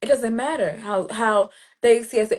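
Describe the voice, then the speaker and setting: Animated woman. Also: on the high side, moderate pace. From New Jersey, USA. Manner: animated storytelling, acts out street greetings in other voices. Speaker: interview guest, poet. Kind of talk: casual conversational interview.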